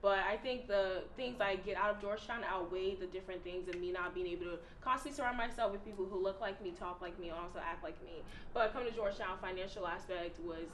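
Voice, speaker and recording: Young woman, reflective student panelist, quick pace, roomy sound. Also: medium pitch, fairly bright tone, a little hiss or hum. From Ghana. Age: young adult. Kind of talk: panel discussion answer.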